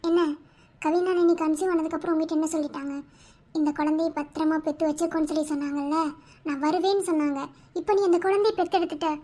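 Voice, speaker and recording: Girl doing a super high loyal bestie in a cartoon, earnest, comforting. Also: steady tone, fast, mellow, natural voice. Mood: consoling. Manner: earnest, consoling. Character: loyal young female best friend. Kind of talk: Tamil cartoon voice acting.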